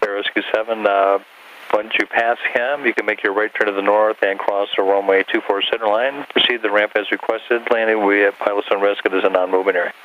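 Male tower controller, rapid clipped instructions, monotone, aviation radio over pilot headset. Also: fairly low pitch, muffled recording, noisy background. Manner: procedural, matter-of-fact. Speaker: air traffic tower controller.

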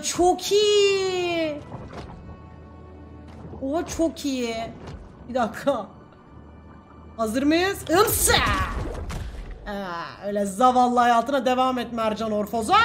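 A woman's voice: sits high, expressive, takes it slowly, long pauses, soft background music. A woman streaming a video game, joking, swearing and taunting the characters in casual commentary. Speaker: gameplay streamer. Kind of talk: casual let's-play commentary.

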